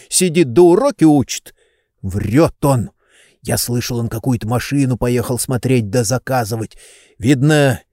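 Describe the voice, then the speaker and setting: A man voicing a loud, coarse, pushy middle-aged man who blusters and makes demands, in an audiobook reading. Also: medium pitch, dry recording, studio quality.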